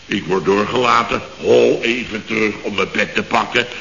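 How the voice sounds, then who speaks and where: In a lo-fi old radio recording with reverb and a little hiss or hum, an actor in a 1960s radio comedy plays a blustering, boastful company boss recounting his mishaps. His low-ish, gravelly voice sounds pushed and bright at a moderate pace, and he keeps exclaiming in exasperated comic storytelling.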